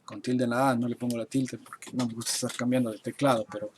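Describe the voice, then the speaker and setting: A man teaching a live online class at his computer, explaining and translating terms slowly and step by step, with typing heard behind him. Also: medium pitch, little pitch movement, a little mellow. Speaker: architect teaching construction English. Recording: faint noise and keyboard typing. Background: keyboard typing.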